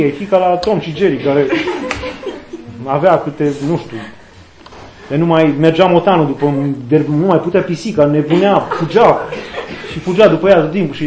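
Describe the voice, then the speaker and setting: A man giving an informal sermon in a conversational way, acting out quoted voices with humor. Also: sits high. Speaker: preacher. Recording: echoey room with faint noise.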